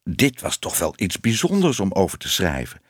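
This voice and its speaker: A man's voice: low voice, wildly swooping pitch, moderate pace, slightly rough, dry recording, clean studio sound. A man reading a children's story aloud as narrator, voicing the characters expressively.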